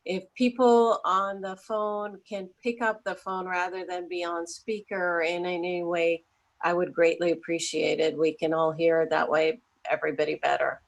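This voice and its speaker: A woman commissioner at a public hearing, speaking politely and a little haltingly. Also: lowish voice, flat delivery, vocal fry. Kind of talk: meeting procedure.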